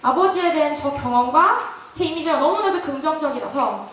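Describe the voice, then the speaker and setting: Woman preaching at a retreat, high voice bouncing all over, echoey hall, mic far off. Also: a little fast. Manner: animated storytelling, asks the audience questions. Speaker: retreat speaker. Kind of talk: testimony sermon.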